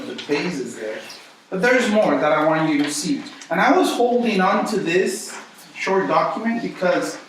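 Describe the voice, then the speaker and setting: Echoey, high-voiced man with Guatemalan accent. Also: fairly bright tone. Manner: conversational, uses rhetorical questions and repetition for emphasis. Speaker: Bible study teacher. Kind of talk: informal teaching to a small group. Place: echoey indoor room. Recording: echoey room, distant mic, faint noise.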